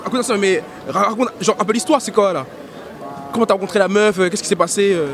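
A man holding a street interview on a city sidewalk, talking in quick, slangy, teasing banter into a handheld mic. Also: sits high. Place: busy city street outdoors. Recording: loud crowd and music behind.

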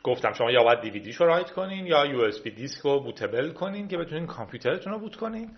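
A man's voice: medium pitch, very animated, husky, dull audio. A man hosting a casual screen-recorded tech tutorial, chatting through each step as he clicks through menus. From Iran. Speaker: tech video host.

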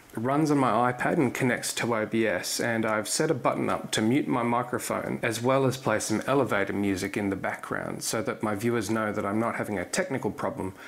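A man in his thirties, a cooking streamer, calmly and methodically explaining to camera in his home kitchen on a lapel mic. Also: fairly low pitch, creaky. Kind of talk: scripted talk to camera. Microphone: lavalier clipped to apron.

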